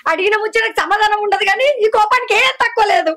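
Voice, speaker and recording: A woman's voice: very high voice, fast, pushed and bright. A young woman playing a wife who demands answers from her husband. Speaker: wife and daughter. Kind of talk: village short film acting.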